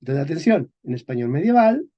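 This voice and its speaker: A man teaching a class on historical sound changes, speaking slowly and deliberately, checking in with his listeners after nearly every phrase and repeating key words. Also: on the high side, sing-song, dull audio. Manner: slow and deliberate, checks in constantly with "¿ok?" and "¿eh?". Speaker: teacher of Spanish historical phonology. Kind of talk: classroom lecture.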